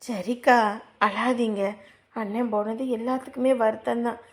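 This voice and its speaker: A woman's voice: fairly high pitch, fairly even intonation, measured pace. An actress playing a younger woman who soothes and pleads with a grieving relative. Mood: consoling. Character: gentle younger woman consoling her sister-in-law. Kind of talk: family drama acting.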